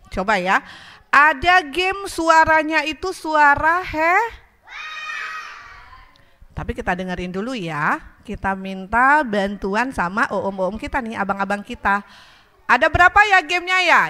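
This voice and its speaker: A woman's voice: sits high, pushed and bright. A young woman hosting a children's radio show, cheerful and coaxing as she talks with small children in the studio.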